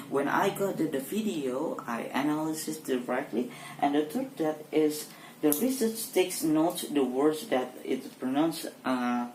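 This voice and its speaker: A young Indonesian-accented woman talks through an exam presentation, her voice low and her delivery slow and halting. She pauses often, restarts phrases and fills gaps with hesitation sounds. The room around her is echoey, with a faint hiss underneath. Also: a little mellow. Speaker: university student presenter.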